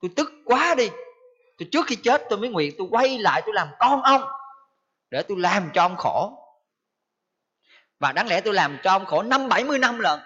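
A man's voice: high voice, big pitch swings, brisk, pauses often, sharp tone, husky, exaggerated voice. A man voicing a wrongly accused son who recounts his grievance accusingly, on a dull lo-fi recording.

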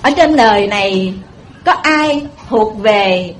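A woman's voice: medium pitch, animated, slow, a little hiss or hum, rough recording. A woman with a Southern Vietnamese accent giving a Buddhist dharma talk, telling a folksy story and addressing listeners directly. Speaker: Buddhist preacher.

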